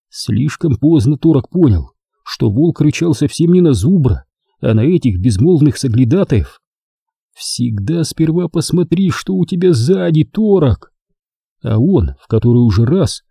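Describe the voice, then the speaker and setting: A man reading an audiobook aloud with an expressive, dramatic delivery. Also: mid-range voice, husky, dry recording, studio quality. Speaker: audiobook narrator. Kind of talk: scripted audiobook narration.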